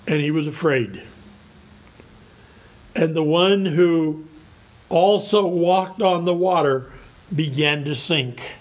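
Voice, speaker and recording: Slow, high-voiced man preaching. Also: rough recording. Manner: slow, earnest preaching with scripture reading. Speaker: pastor. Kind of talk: sermon.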